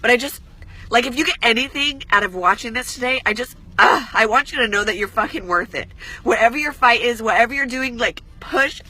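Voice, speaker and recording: A tearful woman fitness coach speaks to her followers on a live stream. She is crying and earnest, with a bright but husky, breathy voice. She rambles, swears freely and fills her talk with "like.". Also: a little fast. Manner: earnest, rambling, swears often, many "like" fillers; voice rises high when emotional.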